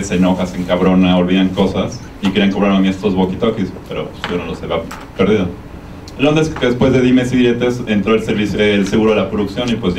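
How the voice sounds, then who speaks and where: A man's voice: fairly low pitch, a little mellow. A young man with a Mexican accent giving an informal conference talk in a colloquial, hesitant, meandering way. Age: young adult. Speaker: guest speaker, media production worker. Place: university lecture room. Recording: echoey room, distant sound, background noise.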